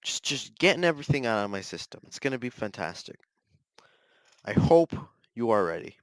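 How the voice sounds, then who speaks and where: A man's voice: medium pitch, big pitch swings, fairly quick, dry recording. A young man hosting a solo podcast from his bedroom, ranting in an exasperated, rambling way with many restarts. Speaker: podcast host.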